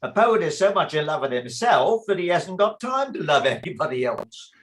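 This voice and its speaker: A man's voice: on the high side, sing-song, normal speed, fairly bright tone. A man playing a blunt, argumentative, practical theatre man in a stage play reading, blustering as he talks. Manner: blustering, interrupting.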